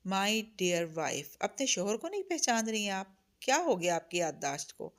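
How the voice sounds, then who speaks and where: A woman's voice: medium pitch, sing-song, close to an everyday voice. A woman reading the part of a cold, domineering young man who is heir to a feudal estate, in a harsh, arrogant and menacing manner. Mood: mocking, possessive. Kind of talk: audiobook character reading.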